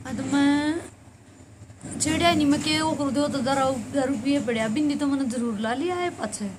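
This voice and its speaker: A Haryanvi-accented woman with a fairly high voice tells her own story to the camera. She circles back over her words in an earnest, rambling flow. A faint hum of noise sits behind her. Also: normal speed. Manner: earnest, rambling retelling with repeated phrases. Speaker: vlogger. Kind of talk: personal storytelling.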